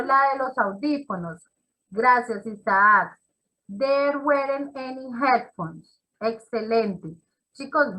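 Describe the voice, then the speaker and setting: Woman teacher, bright and slightly high voice, unhurried, encouraging. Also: rough recording. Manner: encouraging, praises students by name; slow and explanatory, repeats examples. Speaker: English teacher. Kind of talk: classroom teaching.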